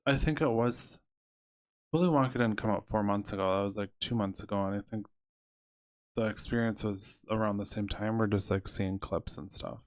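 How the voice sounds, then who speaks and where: A man's voice: on the low side, normal speed. A young adult man co-hosting a podcast, rambling playfully in casual chat and filling his talk with "like.". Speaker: podcast co-host.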